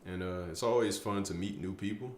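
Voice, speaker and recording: A man's voice: low voice, a little fast, darkish tone, reverberant. A tired young man chatting casually on a late-night stream, rambling and stumbling over his words, with self-mocking trash talk. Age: young adult. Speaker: streamer answering chat.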